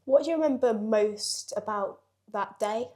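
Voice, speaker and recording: Teen girl hosting a podcast, highish voice, asks stuff and jumps in to agree. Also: a little mellow. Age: teens. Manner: asks questions, joins in with quick agreement. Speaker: podcast host. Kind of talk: casual interview.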